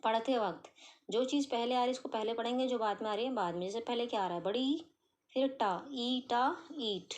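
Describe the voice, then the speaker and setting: A woman teaching shorthand step by step, asking questions and answering them herself, sounding out letters slowly. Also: fairly high pitch. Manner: explains patiently, asks and answers her own questions, sounds out letters slowly. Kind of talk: step-by-step tutorial.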